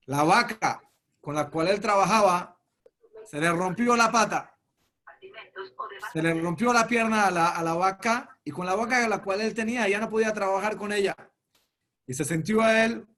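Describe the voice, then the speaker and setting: A man's voice: high-pitched, fairly bright tone. A man, a rabbi, giving a sermon as a story and quoting its characters along the way. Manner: retells a story, quoting its figures in passing.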